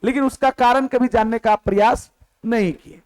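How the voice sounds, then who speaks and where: Man, maths teacher, classroom lecture, high voice, quizzing the class and answering himself. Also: fairly even intonation, moderate pace, a little mellow, low-quality recording. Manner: asks the class questions and answers them himself; repeats key words, drops to a lower voice on the answer.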